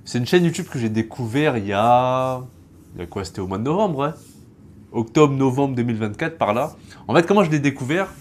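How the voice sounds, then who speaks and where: A man's voice: medium pitch, expressive, brisk. A man in a casual vlog monologue, chatty and familiar, speaking directly to the viewer in an earnest, reflective way. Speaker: YouTuber.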